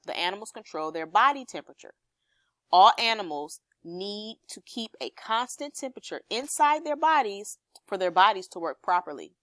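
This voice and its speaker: Her voice is mid-range and a bit bright, captured in a dry, studio-quality recording. She's a teacher reading an informational text to pupils, explaining as she goes and pausing to check comprehension with questions.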